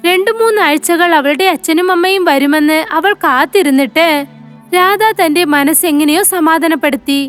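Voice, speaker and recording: A woman narrates a scripted children's story in a very high-pitched voice at a moderate pace, with soft background music behind her.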